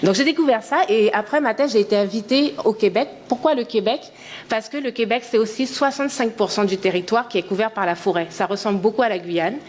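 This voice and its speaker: A woman in her thirties from French Guiana gives a conference talk as an entrepreneur. She speaks earnestly and with enthusiasm, her medium pitch broken by frequent hesitations. A faint hiss of noise sits under her voice. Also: fairly quick. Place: conference hall.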